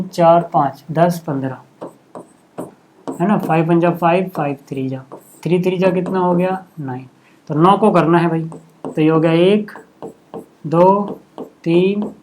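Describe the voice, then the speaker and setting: A man teaching a maths lesson, working through sums step by step in a casual way and often checking whether it is clear. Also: sits high, darkish tone, slight background noise. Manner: casual, mixes English number words into Hindi.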